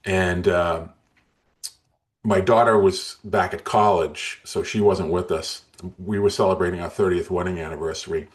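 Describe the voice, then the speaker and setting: A man's voice: low-pitched, fairly even intonation, normal speed. A man in his sixties, an interview guest telling his story in an earnest, emotional way with frequent restarts. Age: 60s.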